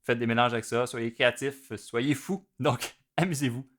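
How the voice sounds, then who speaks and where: A man's voice: mid-range voice, steady tone, normal speed, very noisy. Québécois man counting drum beats aloud. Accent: Québécois French. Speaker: drum teacher. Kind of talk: instructional video explanation.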